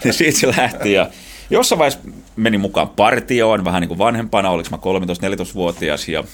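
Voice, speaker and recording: Lively, low-voiced finnish man storyteller. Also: a crowd in the background. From Finland. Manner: animated, laughing often, many restarts. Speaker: guest, explorer. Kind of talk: casual storytelling.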